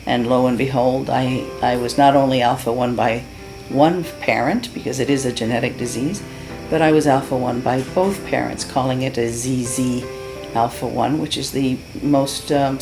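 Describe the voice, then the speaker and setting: Speaking in a deep bass voice with a darkish tone, a middle-aged woman from Cuba offers a sincere, heartfelt testimonial as a patient. It's unscripted, with frequent fillers and false starts, and the recording is rough.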